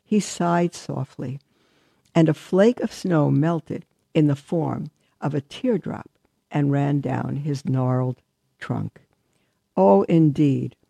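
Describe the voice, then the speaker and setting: A woman host with a husky, gravelly voice reads a Christmas story in a steady storytelling manner. Her tone is dark and mellow, recorded close and dry with no room sound. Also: low-pitched, slow, dry recording. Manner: warm, chatty aside, then steady storytelling. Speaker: host and religious sister. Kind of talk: radio show host reading a Christmas story.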